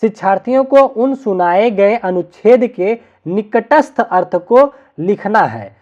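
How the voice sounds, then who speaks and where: A man's voice: high-pitched, big pitch swings, measured pace, a little mellow, lo-fi sound. A man teaching an online exam-prep class, explaining each answer and checking in with his listeners, dropping in English words.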